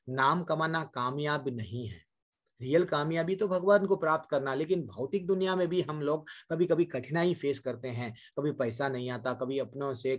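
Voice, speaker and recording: Higher-voiced man giving a devotional sermon. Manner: rhetorical questions, addresses listeners as mothers and brothers; mixes English words into Hindi. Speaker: devotional speaker.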